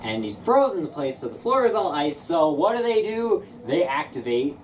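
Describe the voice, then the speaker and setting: A woman's voice: low voice, very animated, normal speed. A woman reviewing a film in casual comedic chat, sarcastic in tone. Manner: sarcastic, bursts into shrieking laughter. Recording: distant mic with noisy background.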